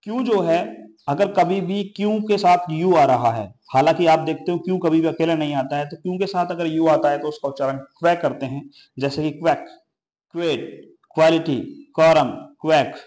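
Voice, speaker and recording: Man, fairly high voice, English teacher, pronunciation lesson, lists example words. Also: normal speed, darkish tone. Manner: explains rules, then lists example words one by one.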